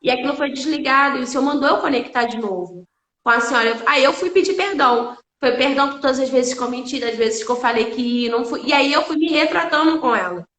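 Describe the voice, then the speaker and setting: A woman's voice: high-pitched, expressive, fast, a bit bright, roomy sound. A woman giving an earnest, emotional faith testimony on a live stream, repeating phrases for emphasis.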